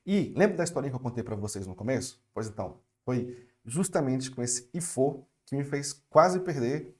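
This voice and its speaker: A young Brazilian man teaching French online, patient and repetitive, slowing down to model phrases and checking in with his students. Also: medium pitch, animated. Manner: patient, repeats phrases slowly, checks in with "tá certo?". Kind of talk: online language lesson.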